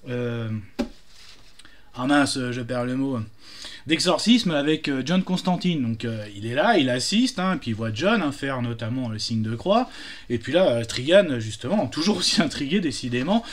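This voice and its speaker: A man's voice: mid-range voice, animated, normal speed. A man telling jokes casually, hesitant, with many fillers and restarts. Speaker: joke teller.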